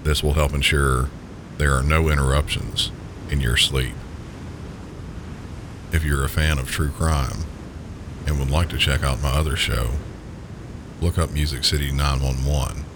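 Behind this narrator sits a constant, loud low rumble of pink noise. He hosts a sleep story podcast, his extremely deep Southern US voice calm and gentle as he slowly leads the listener to sleep.

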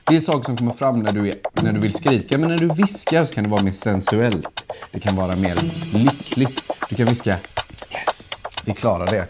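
A man in a comic podcast debate, arguing calmly and earnestly for his side. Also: lowish voice, hardly any pauses, very noisy.

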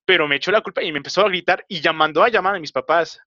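A young man with a Mexican Spanish accent telling a personal story in casual talk, halting and rambling with many filler pauses. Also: on the high side, bright, forceful tone, dry recording. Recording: slightly dull, dry recording.

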